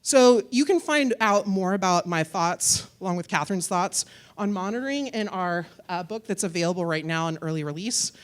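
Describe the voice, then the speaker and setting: A woman's voice: on the low side, lively intonation, normal speed. A woman speaking at a tech conference in a hall. Her delivery is casual and chatty, full of asides and little jokes for the audience. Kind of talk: conference talk and Q&A.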